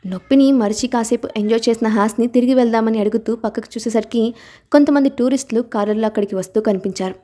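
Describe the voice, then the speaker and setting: A woman narrating a novel as an audiobook, in a steady, expressive storytelling voice. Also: a little high, fast.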